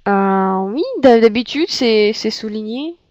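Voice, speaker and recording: A woman with a Russian accent gives a language lesson, repeating words and pausing with hesitant fillers as she explains. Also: fairly high pitch, darkish tone, dry recording, muffled recording. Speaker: Russian teacher.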